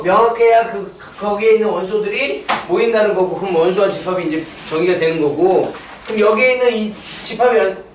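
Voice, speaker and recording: A high-pitched man teaches a math lesson at a whiteboard, explaining step by step and quizzing his students. The mic sits far off in a roomy, echoing space, with slight background noise.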